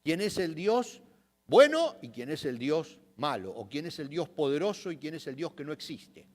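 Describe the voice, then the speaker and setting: A man preaching a sermon, retelling a scripture story dramatically, swinging between loud emphasis and hushed asides. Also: a little high, very animated, normal speed, in a large hall. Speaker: pastor. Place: church sanctuary.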